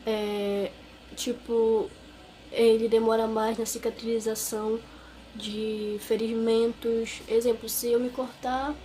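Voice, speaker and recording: A young Brazilian vlogger with a Brazilian Portuguese accent tells her viewers a personal story to camera, chatty and rambling with plenty of fillers. Her voice is on the high side and a little mellow. The audio is poor, with some hiss or hum and clear background music under her voice.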